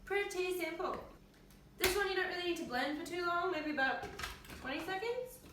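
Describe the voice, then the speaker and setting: A woman's voice: extremely high pitch, lively intonation, moderate pace. A woman with an Australian accent chatting casually in her home kitchen, tired and in pain, with an offhand, colloquial way of talking. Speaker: health vlogger. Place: home kitchen with windows open. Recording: very echoey kitchen, distant mic, faint noise.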